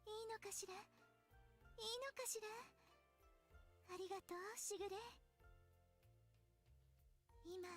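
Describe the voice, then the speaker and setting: A woman's voice: very high voice, slow pace, pauses often, faint music behind. A woman playing a playful, gushing mother who loves food, in an anime visual novel. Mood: delighted.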